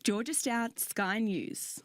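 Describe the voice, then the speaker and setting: A woman's voice: a little high, takes it slowly. A woman with an Australian accent reading a scripted news report.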